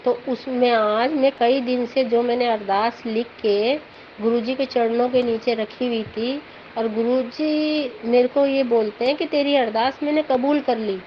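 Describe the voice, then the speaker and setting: A woman's voice: fairly high pitch, steady tone, measured pace. A middle-aged woman earnestly telling a rambling, emotional devotional testimony about her husband. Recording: dull lo-fi audio with faint background noise.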